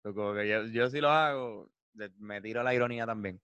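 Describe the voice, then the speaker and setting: A man with a Puerto Rican accent, co-hosting a casual podcast in a relaxed, easygoing way. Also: fairly low pitch, fairly quick, smooth, no room sound, muffled recording. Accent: Puerto Rican Spanish. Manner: laid-back, laughs often. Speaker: podcast co-host. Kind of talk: casual chat.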